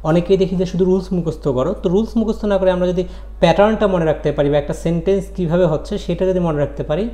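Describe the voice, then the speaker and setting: Male tutor with a slightly high voice, a patient classroom explainer who repeats each point and checks the students follow. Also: fast talker, mellow. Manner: mixes English grammar terms into his talk. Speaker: English grammar teacher. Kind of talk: classroom lesson.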